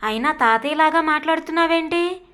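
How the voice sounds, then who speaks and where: A woman voicing a lively, stubborn young female college student who answers back teasingly in a storybook reading. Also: sits high, pitched above the performer's own voice. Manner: teasing, stubborn, quick retorts.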